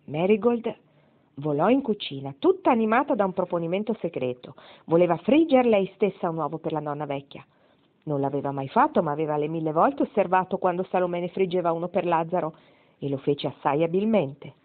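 A woman narrates a novel in a measured, even way. Her voice sits on the low side. The recording is thin and tinny, like a phone line. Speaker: audiobook reader. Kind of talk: reading a novel aloud.

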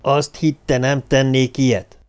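A man's voice: medium pitch, flat delivery, clean tone, close to an everyday voice. A man doing an icy, scheming villain ruler. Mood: cold menacing. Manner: icy, clipped, menacing. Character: cold, scheming male ruler and killer.

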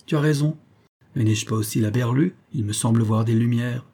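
A wary, skeptical Parisian companion in a storybook, read by a man in his own voice. The tone is husky and mellow, low and unhurried. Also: natural voice.

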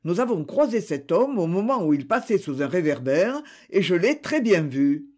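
A man's voice: high-pitched, big pitch swings, moderate pace, a little mellow. A man voicing a police officer who reports what he saw, respectful and assured. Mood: firm. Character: dutiful police officer giving testimony.

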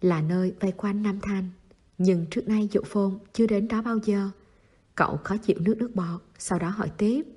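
A woman narrating a novel in a steady, soft storytelling manner. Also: medium pitch, husky. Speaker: audiobook narrator.

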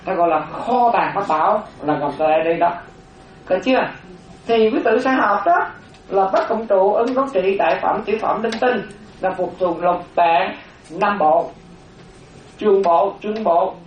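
A Buddhist monastic teaching a dharma class, slowly repeating terms for note-taking, with chatty asides. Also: mid-range voice, slight background noise. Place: classroom with a board. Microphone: distant room microphone. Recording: roomy, distant, dull lo-fi room recording.

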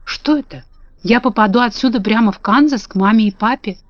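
A woman voicing an excited, hopeful little girl who speaks eagerly. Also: on the high side, fairly quick, dry recording, close to an everyday voice. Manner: eager, wondering. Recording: dull lo-fi dry audio.

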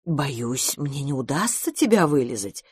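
A reader voicing a kind, timid foreign spy who talks gently, with sighs and uncertainty, in an audiobook. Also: mid-range voice, lively intonation, a little slow, no echo, clean studio sound. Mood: resigned. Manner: gentle, sighing, unsure. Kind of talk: audiobook character reading.

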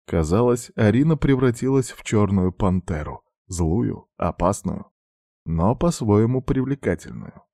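A man narrating an audiobook with steady storytelling. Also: lowish voice, a little slow, no room sound, studio quality.

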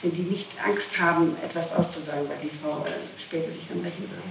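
Her voice fairly low, steady, and gravelly, a middle-aged woman speaking a little fast answers an interrogator's questions as the accused. She is emphatic, indignant, and defensive. The recording is an old, noisy tape with echo and a distant mic.

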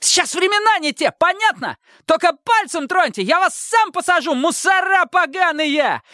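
A man voicing a defiant bald petty thief who squeals and shouts crude slang in a high voice. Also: expressive, moderate pace, no room sound, clean studio sound, full character voice. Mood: shouting defiance.

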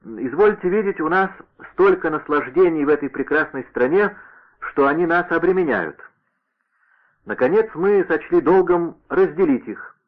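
A man's voice: a little high, expressive, moderate pace, pitched above the performer's own voice, close to an everyday voice. A man voicing a fat, aging male servant who talks in a mournful, deferential way. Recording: narrow radio-like sound.

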